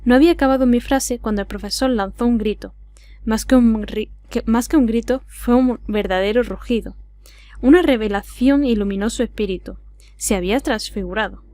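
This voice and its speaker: A woman's voice: on the high side, normal speed, dark tone, no echo. A woman with an Andalusian accent reading a classic adventure novel aloud as scripted narration. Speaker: audiobook reader.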